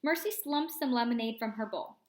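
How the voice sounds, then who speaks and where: A woman's voice: a little high, brisk, roomy sound. A woman reading a children's storybook aloud, changing her voice for each character. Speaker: reader.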